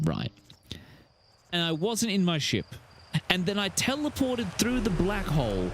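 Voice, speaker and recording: Lively, animated man streaming gameplay. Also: fairly high pitch. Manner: playful, talks to himself and chat, exclaims often. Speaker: streamer playing a video game. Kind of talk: live gameplay commentary.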